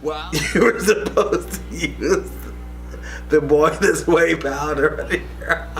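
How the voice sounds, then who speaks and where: A man's voice: on the high side, slow pace, gravelly, fairly bright tone. A giggly, tipsy man doing a makeup vlog in casual chat. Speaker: vlogger following a makeup tutorial. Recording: music playing behind the voice.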